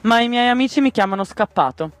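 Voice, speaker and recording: A man's voice: extremely high pitch, animated, fast talker, fairly bright tone, no room sound, pitched above the performer's own voice. A man voicing a harsh, grumpy grey bird. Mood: embarrassed. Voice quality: harsh, scolding. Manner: huffy, lecturing. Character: gruff grey male bird, grumpy and doubtful. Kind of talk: storybook reading.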